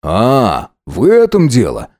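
A man playing a smug, wealthy young man who teases in an unhurried, self-satisfied way in an audiobook drama. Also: mid-range voice, wildly swooping pitch, darkish tone, no room sound, studio quality, exaggerated voice. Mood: mocking, casual.

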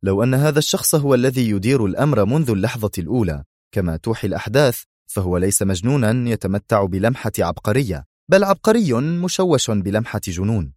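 A man's voice: fairly low pitch, a little mellow, dry recording, clean studio sound. A man voicing a stern male intelligence commander who speaks in a firm, clipped, commanding way.

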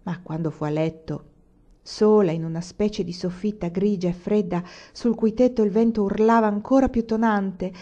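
Woman reading a novel in a dark, mellow voice. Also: mid-range voice, highs cut off. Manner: measured, expressive literary reading. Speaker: audiobook reader. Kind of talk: scripted narration of a novel.

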